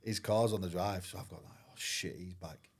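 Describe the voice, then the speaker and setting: A former professional footballer in middle age speaks low and briskly, with fairly even intonation. In a casual storytelling interview he's open and wandering, repeatedly using "I says" and "like."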